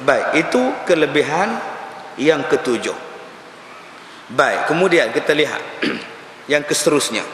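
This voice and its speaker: A male preacher, giving a lively religious lecture and acting out the people in his stories. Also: fairly high pitch, measured pace, long pauses. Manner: animated storytelling with acted-out quotes. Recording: echoey hall with faint hiss.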